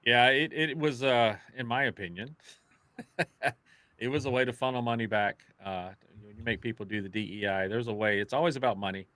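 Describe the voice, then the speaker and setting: Male host, mid-pitched, sarcastic and jokey, dry close recording. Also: normal speed, pushed and bright, no room sound. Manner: joking, sarcastic, laughs often. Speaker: podcast host. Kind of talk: casual podcast discussion.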